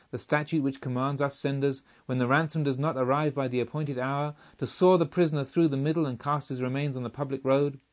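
A man voicing a fierce, chained robber chief who speaks gruffly and growls, rising to a booming call. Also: lo-fi sound, close to an everyday voice. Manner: grows loud and booming in his invocation.

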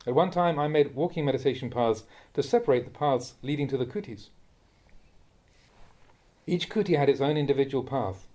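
A man, a monk, reading a Dhamma talk aloud in a measured, admonishing way that rises sharply when he scolds. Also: medium pitch, mellow. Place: monastery.

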